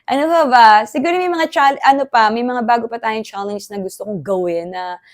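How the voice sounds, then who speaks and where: Filipino woman, excitable vlogger, chatty, laughs often, fairly high voice. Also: fairly quick. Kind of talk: casual vlog chat.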